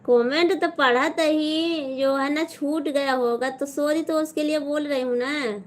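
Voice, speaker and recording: A woman's voice: sits high, fairly even intonation, unhurried. A young Awadhi woman on a casual live stream, chatty and teasing as she reads viewer comments aloud and replies.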